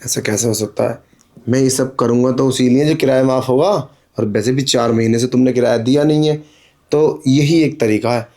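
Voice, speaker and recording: A man's voice: mid-range voice, normal speed, a little mellow, close to an everyday voice. A man playing a pushy, scheming landlord who talks in an impatient, pressuring and dismissive way, in an amateur drama skit. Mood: persuading. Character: pushy, scheming middle-aged male landlord.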